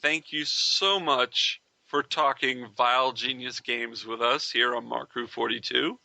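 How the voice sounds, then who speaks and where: A man hosting a podcast in casual chat who sometimes stumbles over his words. His voice is very bright and sharp. The recording is completely dry. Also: mid-range voice, steady tone, unhurried, gravelly, dry recording. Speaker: podcast host.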